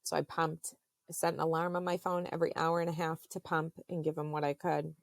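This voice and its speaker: A woman in her thirties, a podcast guest, telling a personal story in a halting, earnest way with many fillers. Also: deep voice, level tone, creaky, no echo.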